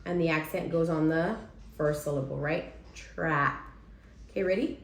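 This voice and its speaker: A woman's voice: sits low, moderate pace, slight background noise. A woman teacher giving a demonstration reading lesson, patiently checking in with her class as she goes. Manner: patient, checks in often with "okay?". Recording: echoey room, faint ambience.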